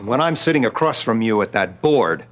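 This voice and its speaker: An actor playing a cold, scheming brother who talks in a cool, cutting way. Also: male voice, on the low side, expressive, normal speed, fairly bright tone. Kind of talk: soap opera acting.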